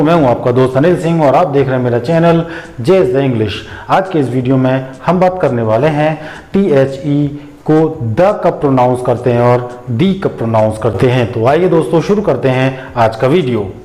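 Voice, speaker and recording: A man teaching English pronunciation, patiently explaining step by step and repeating example words slowly. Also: medium pitch, warm tone. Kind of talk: explanatory lesson. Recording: echoey room.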